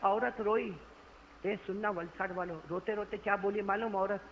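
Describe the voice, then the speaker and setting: A male preacher telling a story in a sermon to a live gathering, swinging between hushed narration and shouting and quizzing his listeners. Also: high voice, fairly even intonation, a little hiss or hum. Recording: echoey hall, dull lo-fi sound.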